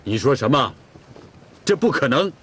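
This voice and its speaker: A man's voice: medium pitch, big pitch swings, normal speed, husky. An actor playing a dutiful young Torghut man who tends the khan's horses, in a period TV drama, firm and reasoning. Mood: exasperated. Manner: firm, reasoning, at times soothing. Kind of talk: television period drama acting.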